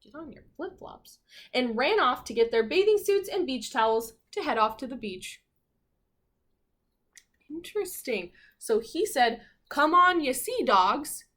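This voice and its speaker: In a high-pitched voice, a woman who teaches primary school reads a picture book to her class. Her delivery is expressive and instructive, broken up by pauses where she asks the children questions.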